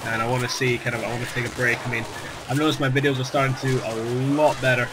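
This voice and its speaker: A gaming YouTuber, a young man who lost his voice to a virus he's still recovering from, talks fast and flat in a mid-range voice. His casual gameplay commentary rambles, pokes fun at himself, and is full of fillers and restarts, all over heavy background noise.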